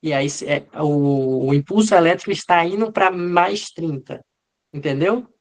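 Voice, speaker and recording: High-voiced man teaching casually. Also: normal speed. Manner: informal, answers students by name, acts out leads speaking. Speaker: medical lecturer. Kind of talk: live online class.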